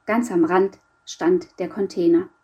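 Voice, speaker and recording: Woman author reading, mellow voice. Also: fairly low pitch, husky, highs cut off. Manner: measured, expressive storytelling. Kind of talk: reading from her youth novel.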